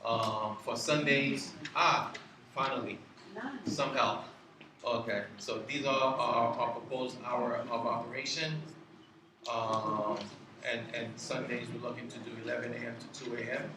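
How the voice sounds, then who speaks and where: Male business owner, halting flat delivery at a community meeting, distant in a noisy, echoey hall. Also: medium pitch. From Haiti. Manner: halting, many ums and restarts. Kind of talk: public meeting presentation. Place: community board meeting room. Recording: roomy hall, distant mic, background noise.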